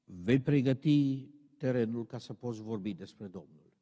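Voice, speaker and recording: A man's voice: medium pitch, dark tone, muffled recording. Preaching man in an echoing hall. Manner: emphatic, rising to stern exhortation. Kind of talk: sermon. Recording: long reverb of a large hall.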